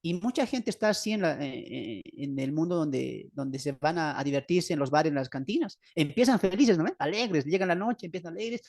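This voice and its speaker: A man's voice: on the high side, animated, moderate pace, vocal fry, few pauses, darkish tone, dry recording, studio quality. A man with a Bolivian Spanish accent teaches an online Bible study lesson over a video call. He asks his listeners questions, answers them himself, and repeats key phrases for emphasis.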